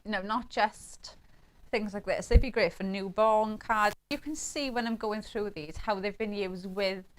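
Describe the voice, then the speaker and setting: A woman's voice: mid-range voice, a little slow. A woman presenting craft products live on a shopping channel, chatty and cooing over how cute the designs are.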